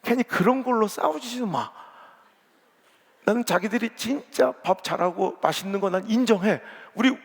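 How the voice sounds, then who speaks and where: A man's voice: high voice, moderate pace, gravelly, slightly rough. A male senior pastor preaching a revival sermon in a blunt, joking, colloquial way. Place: large church sanctuary. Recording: long reverb of a big church hall.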